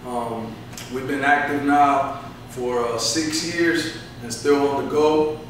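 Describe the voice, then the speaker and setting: Recorded from across an echoey barbershop by a distant camera mic, with slight hiss or hum, a man in his thirties who owns the shop answers interview questions. He speaks slowly and steadily in a mid-range, fairly bright voice. His replies are earnest and motivational, often punctuated by "you know."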